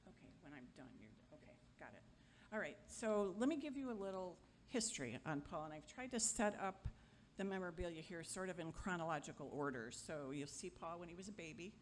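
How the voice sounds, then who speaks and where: A middle-aged woman giving an informal memorial eulogy, chatty and wry, joking with the crowd and sometimes halting. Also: on the low side, animated, slight background noise. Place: gathering hall at a memorial.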